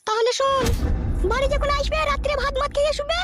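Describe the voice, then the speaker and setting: A woman's voice: extremely high pitch, fairly even intonation, quick pace, over music. A woman voicing a bossy, crude mother from a village in a cartoon, scolding and giving blunt advice. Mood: advising. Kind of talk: cartoon voice acting.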